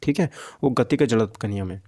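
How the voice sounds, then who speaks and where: This fast-talking man has a fairly low, warm voice and teaches physics for exams in a relaxed lecture style, reading questions aloud and explaining them. He tends to repeat himself and checks that listeners follow, and the studio-quality audio has no room sound.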